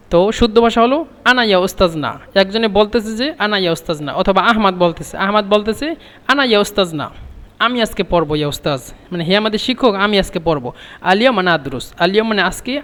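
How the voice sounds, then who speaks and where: A man teaching Arabic phrases, repeating each one slowly and then explaining it. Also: high-pitched, a bit bright. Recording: long reverb.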